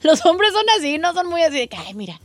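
A woman's voice: very high voice, quick pace, fairly bright tone, dry recording, faint music behind. A woman co-hosting a comic radio show, teasing and playful in her banter. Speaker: radio co-host.

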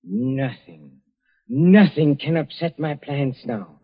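A vain, murderous professor from an old radio play, sneering in a slow, breathy, slightly raised voice. The lo-fi recording dulls it like vintage broadcast audio. He savours every threat. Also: a little high, in a large hall. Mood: smug. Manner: sneering, then hysterical screaming. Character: gloating murderous male professor, cold and vain. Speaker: villain. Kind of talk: 1940s radio acting.

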